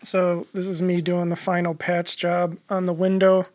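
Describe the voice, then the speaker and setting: A man's voice: high-pitched, normal speed, no echo, lo-fi sound. Rambling man narrating a home-repair vlog. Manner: relaxed, rambling, lots of ums and uhs, swears casually. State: losing his voice. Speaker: homeowner vlogger.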